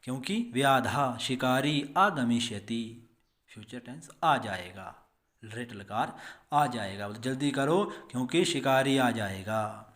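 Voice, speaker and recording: A male school teacher giving a recorded lesson, reading each line of a text and then explaining it slowly and patiently, with many repetitions. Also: medium pitch, animated, fairly bright tone. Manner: slow, patient, repeats each line in translation.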